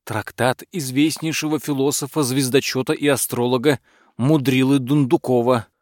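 A man's voice: mid-range voice, steady tone, normal speed, no echo, clean studio sound, close to an everyday voice. A man voicing a scheming, fawning male court butler who whines and pleads. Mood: wheedling. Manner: pleading, wheedling.

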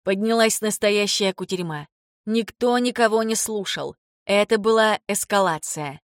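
A woman's voice: medium pitch, unhurried, dry recording. Woman narrating an audiobook, dry sound. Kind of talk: scripted narration.

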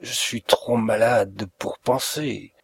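A man voicing a gravely ill detective in an audiobook reading, weak, breathless and pleading, with a gravelly, husky voice. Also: fairly low pitch, steady tone, slow pace, no room sound, full character voice.

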